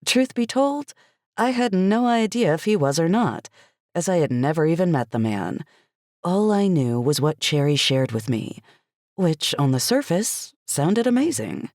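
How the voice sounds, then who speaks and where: A woman reading a first-person cozy mystery audiobook as an expressive, light storytelling narrator. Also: on the low side, a little slow, dry recording, clean studio sound.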